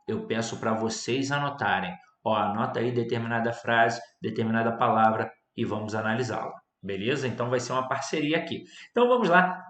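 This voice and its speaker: A man with a Brazilian Portuguese accent teaching an online grammar lesson, lively and loudly stressing words to show their syllables. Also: medium pitch. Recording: roomy echo.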